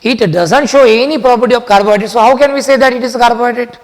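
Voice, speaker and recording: A man teaching chemistry in a classroom lecture, mixing Hindi and English, asking and answering his own questions and repeating key sentences slowly for dictation. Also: very high voice, big-room sound. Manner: addresses students as children, asks and answers his own questions.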